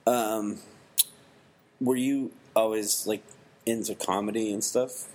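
A man hosting a podcast interview in a casual, halting way, with frequent ums and laughs. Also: lowish voice, fairly even intonation, darkish tone. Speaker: podcast host.

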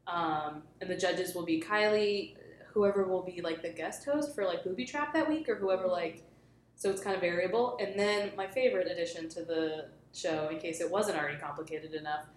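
A woman's voice: on the low side, normal speed, a little hiss or hum. A young woman who organizes and co-hosts improv shows, talking casually and rambling with many fillers. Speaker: improv show organizer and co-host. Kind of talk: casual chat. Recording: echoey room.

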